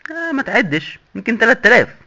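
A man's voice: extremely high pitch, big pitch swings, very fast, bright, forceful tone, voice pushed up, full character voice. A man with an Egyptian accent voicing a boastful, sly male doctor in hell who lectures glibly and mockingly. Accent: Egyptian Arabic. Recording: dull lo-fi recording.

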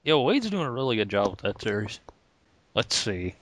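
A man's voice: fairly low pitch, big pitch swings, normal speed, a bit bright, no room sound. A man casually talking about comics, hesitant and laid-back with many ums. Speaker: comic book podcast co-host. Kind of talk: casual chat.

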